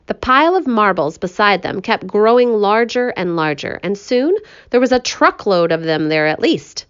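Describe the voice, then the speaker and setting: A woman narrating a children's story aloud in an expressive, animated way. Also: mid-range voice, moderate pace, smooth, muffled recording.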